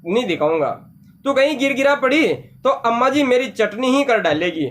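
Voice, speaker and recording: A man's voice: very high voice, lively intonation, normal speed, a bit bright. A man voicing an older boy who bosses and scolds his little sister. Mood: scolding. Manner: scolding, bossy.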